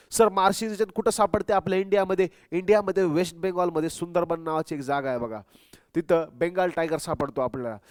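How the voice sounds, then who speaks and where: A man's voice: high-pitched, a little mellow, no room sound, clean studio sound. A young man teaching a biology class. He keeps asking the students questions and mixes English terms into his speech. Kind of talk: classroom lecture.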